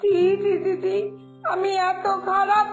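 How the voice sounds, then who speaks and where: A woman plays an offended middle-aged village neighbour in a cartoon story. Her voice sits high, and she talks in a bitter, wounded, sarcastic way. Faint music plays behind her. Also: monotone, takes it slowly, gravelly, full character voice, low-quality recording. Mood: hurt, sarcastic. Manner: hurt, sarcastic and self-pitying. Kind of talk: Bengali cartoon voice acting.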